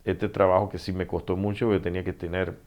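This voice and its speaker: In a casual interview, a middle-aged author guest with a Panamanian Spanish accent talks quickly in a low voice. His storytelling is animated, with dialogue acted out and plenty of laughter.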